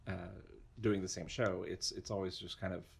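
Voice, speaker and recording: A man's voice: low-pitched, flat delivery, moderate pace, vocal fry, breathy edge. A man, an opera education director, chatting enthusiastically in a casual podcast interview, with many fillers and restarts.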